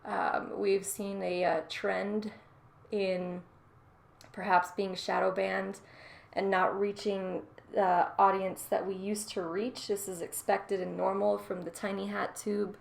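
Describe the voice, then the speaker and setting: A woman's voice: mid-range voice, takes it slowly, creaky. A woman with a nasal voice reading financial news articles aloud as a stand-in, then signing off casually and sounding tired. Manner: plain, steady article reading, then loose casual sign-off.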